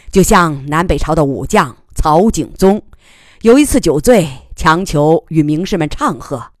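A woman reading a storybook, voicing a cheerful friend who speaks in a lively, animated way, with a raised voice. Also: mid-range voice, no room sound, studio quality. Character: cheerful admiring friend, eager and persuasive.

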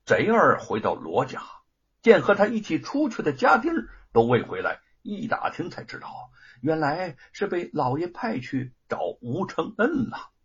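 Brief: husky male storyteller, very animated pitch, dull recording. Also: moderate pace. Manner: lively, dramatic storytelling. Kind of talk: serialized audiobook narration.

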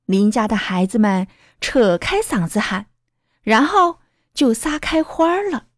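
A woman gently reading a bedtime story aloud to a child, speaking to the listener as her little darling. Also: fairly high pitch, big pitch swings, measured pace, no echo, studio quality. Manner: gentle, addressing a child as "baby".

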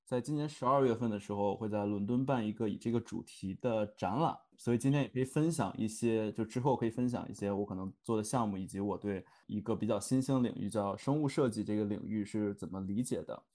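A man's voice: on the low side, fast, few pauses, dark tone. A young man in his twenties, a student, speaking as a podcast guest in a hesitant way with many restarts. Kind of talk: casual chat.

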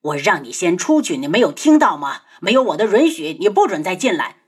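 A woman's voice: slow, fairly bright tone, breathy edge, heavily acted. A woman voicing a stern young man, a prince who speaks coldly and curtly. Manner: cold, clipped and lowered. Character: stern young male prince, cold and protective.

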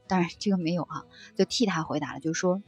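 A woman with a low, husky voice reads passages from a book aloud and shares her reflections. She talks gently and conversationally, pausing on soft fillers between thoughts. Faint music plays underneath her. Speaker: book-sharing presenter.

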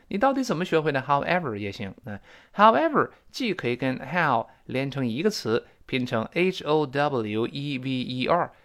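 A man's voice: mid-range voice, fairly bright tone. A middle-aged man, a native Chinese speaker, teaching a spoken English lesson and repeating phrases for drill.

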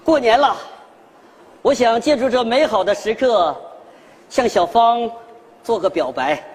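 An actor playing an earnest, theatrical young suitor, in a stage sketch. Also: male voice, extremely high pitch, measured pace, breathy edge, big-room sound, exaggerated voice. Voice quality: overly formal, dramatic, lively.

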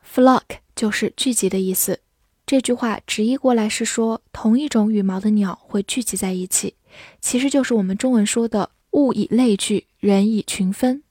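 A woman who is a Chinese-speaking English teacher, patiently spelling words letter by letter and reading example sentences slowly. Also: medium pitch, dark tone, slightly rough, no echo, studio quality. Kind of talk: vocabulary lesson, spelling and slow read-alongs.

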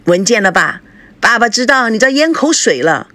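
A woman's voice: fairly high pitch, very animated, moderate pace, no room sound, voice pushed up, full character voice. Woman doing a coaxing, blustering dad. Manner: coaxing, loud and exclaiming. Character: doting middle-aged father, blustering and fond.

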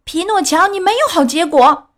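A woman voicing a gang of rude, mocking schoolboys in a storybook reading, shrill, jeering and shouty. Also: animated, normal speed. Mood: threatening.

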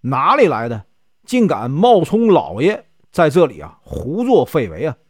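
A man's voice: on the high side, huge pitch swings, a little slow, a little mellow, slightly rough, no room sound, clean studio sound, heavily acted. A man voicing a fierce, hot-tempered outlaw who blusters and threatens, in a storybook telling.

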